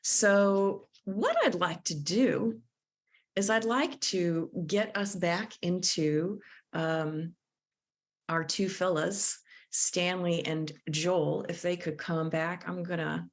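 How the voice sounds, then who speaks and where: A woman's voice: on the low side, slow pace. A woman leading a live online workshop on conflict mediation, speaking in a thoughtful, coaching way and sometimes searching for her words over a video call.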